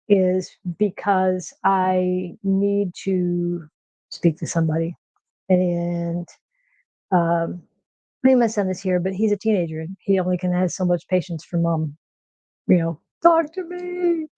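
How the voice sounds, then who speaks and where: Fast-talking middle-aged American woman streamer. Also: mid-range voice, no echo, poor audio. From United States. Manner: talks fast when excited, pauses to find words. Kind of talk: casual chat on a cooking stream. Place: home kitchen.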